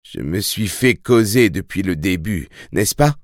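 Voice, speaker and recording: A man's voice: low voice, animated, unhurried, no room sound, clean studio sound. A man voicing a desperate young mother who pleads urgently, raising his voice for her.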